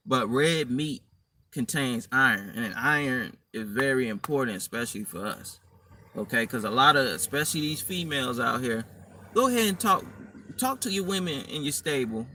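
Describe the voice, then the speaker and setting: A man's voice: medium pitch, bright, forceful tone. A man giving blunt, profane, rambling advice in casual slang, talking directly to his viewers. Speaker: dating and fitness vlogger. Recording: distant mic with faint room noise.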